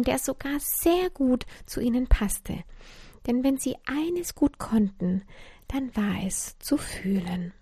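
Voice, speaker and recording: A woman reading a bedtime story, softly and often half-whispered. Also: fairly high pitch, slightly rough, no echo, clean studio sound.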